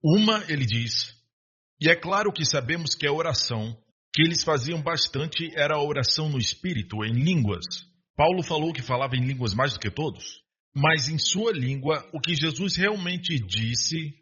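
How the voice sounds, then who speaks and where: A man's voice: fairly high pitch, pushed and bright, husky, lo-fi sound. A man, preaching a sermon and often asking the congregation rhetorical questions and calling for an amen.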